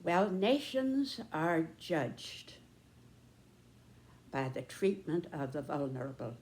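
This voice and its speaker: An American woman in her nineties giving an earnest commentary like a storyteller, in a deliberate, measured way with pauses between short phrases. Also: low-pitched, big pitch swings, darkish tone. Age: 90s. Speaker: speaker giving a personal commentary.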